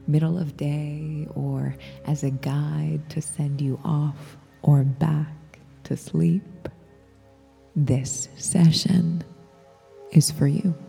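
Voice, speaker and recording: A woman guides meditation in a soft, breathy spa whisper that is very mellow and low. She speaks extremely slowly and soothingly, as a gentle instructor. Her voice trails into long reverb over faint music.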